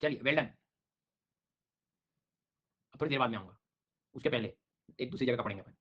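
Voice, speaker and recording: A man's voice: medium pitch, a little fast, husky. A middle-aged male teacher giving an online exam-prep lecture, teasing his students with jokes while drilling names over and over. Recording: dull lo-fi online class audio.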